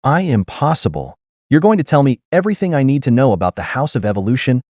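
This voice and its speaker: A man voicing a calm, commanding young male hero in a read-aloud story. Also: medium pitch, fast, no echo, pitched above the performer's own voice. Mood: stern.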